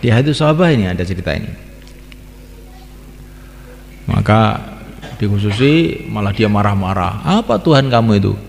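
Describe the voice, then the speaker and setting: A man's voice: fairly low pitch, animated, moderate pace, creaky, pauses often, slight background noise. A man preaching an Islamic sermon, repeating phrases and breaking into chanted lines. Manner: repetitive, sing-song chanting of call to prayer. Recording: reverberant hall.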